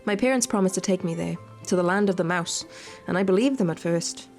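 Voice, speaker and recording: A woman with a fairly low, slightly mellow voice speaks fairly quickly while playing through a visual novel. She's a gaming video creator who reads the text aloud expressively and tosses in playful asides. Game music plays behind her voice.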